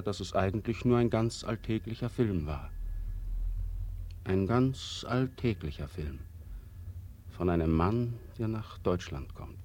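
A male actor with a voice on the low side plays the prologue narrator of a 1940s radio play. His narration is solemn and bitter, spoken gravely with deliberate emphasis.

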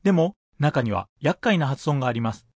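A man's voice: medium pitch, animated, fairly quick, dry recording. A man teaching a radio language lesson, patiently explaining pronunciation point by point.

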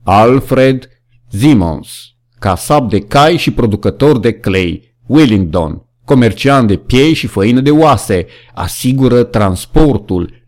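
A man voicing an old male donkey in a storybook reading, raised and urgent as he shouts warnings. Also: medium pitch, expressive, natural voice. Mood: grim reading.

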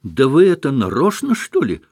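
A man's voice: on the high side, animated, takes it slowly, fairly bright tone, no echo, studio quality, pitched above the performer's own voice. A man voicing an indignant middle-aged woman who chairs a meeting and scolds the room. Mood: angry. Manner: exasperated, scolding.

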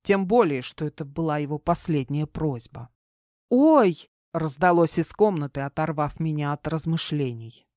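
A woman narrating an audiobook in the first person, even and measured. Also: low-pitched, no room sound, clean studio sound.

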